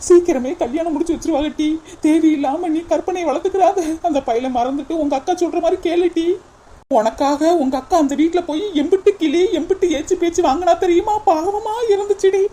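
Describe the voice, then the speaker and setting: A woman voicing a caring middle-aged village woman in a cartoon, lamenting and scolding gently in Kanyakumari Tamil. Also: very high voice, fairly quick. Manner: hesitant then lamenting, calls her "di". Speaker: cartoon character. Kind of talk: cartoon voice acting.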